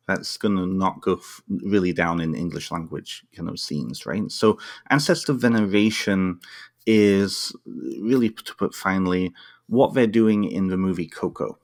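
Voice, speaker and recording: Low-voiced Welsh-born man explaining calmly. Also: unhurried. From North Wales, United Kingdom. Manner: thoughtful, with frequent restarts and fillers. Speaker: podcast guest, therapist and author. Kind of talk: casual interview answers. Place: home, dog barking at times.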